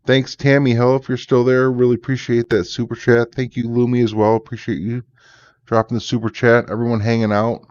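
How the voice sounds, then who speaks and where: A man's voice: medium pitch, brisk, clean tone, no room sound, lo-fi sound. A man live-streaming a game, chatting casually, sleepy and yawning, thanking his viewers. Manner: relaxed, tired, thanking viewers.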